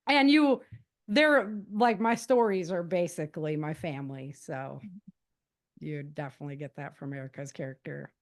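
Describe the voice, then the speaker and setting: Her voice is low and her pace moderate as this middle-aged American woman gives informal, conversational answers in an interview. An author and self-defense teacher appearing on a podcast, she comes across earnest and emphatic.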